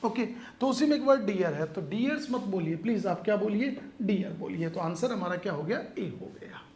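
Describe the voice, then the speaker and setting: A man teaching an exam-prep grammar lesson. He explains in Hindi, mixes in English phrases, slows down to read the example sentences and often checks in with his students. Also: high-pitched, expressive, darkish tone. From India. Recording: echoey room with faint background noise.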